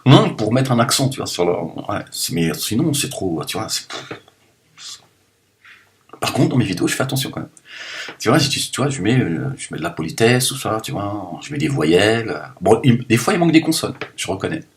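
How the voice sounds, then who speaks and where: A man talking straight to his viewers in a loose, rambling monologue, joking and swinging between loud bursts and low mumbles. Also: sing-song, normal speed. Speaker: video blogger.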